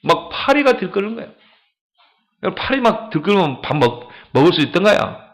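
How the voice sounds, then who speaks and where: A man preaching a sermon as a pastor in church, animated, asking the congregation questions. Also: high voice, a little fast.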